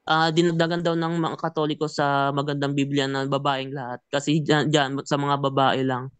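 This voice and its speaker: A man's voice: fairly high pitch, level tone, normal speed, smooth, no room sound. A man calling in with a polite, hesitant question about a Bible verse. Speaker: caller asking a question.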